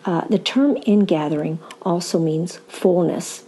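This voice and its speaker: An older woman evangelist teaching in a slow, deliberate podcast sermon, with occasional fillers. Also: lowish voice, mellow, slight background noise, poor audio.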